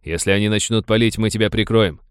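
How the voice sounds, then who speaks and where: A grumpy pirate first mate who pushes and grumbles at his hesitant comrade, voiced by a man. The voice is low-pitched and dry. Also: steady tone, fast talker, smooth, no room sound, lightly acted. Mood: grumbling. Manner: grumbling, pushy.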